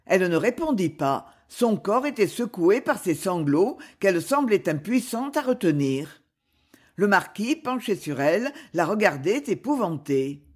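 A woman narrating an old novel, reading slowly and deliberately. Her pitch moves a lot, giving the narration a lively, expressive lilt. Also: breathy edge. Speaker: audiobook reader.

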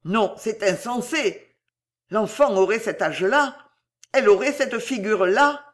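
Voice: medium pitch, animated, unhurried, lightly acted. Claude, a reader acting out a distraught hulking executioner. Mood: bewildered. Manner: declaims with big emotional swings. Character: hulking anguished male executioner, rough and emotional.

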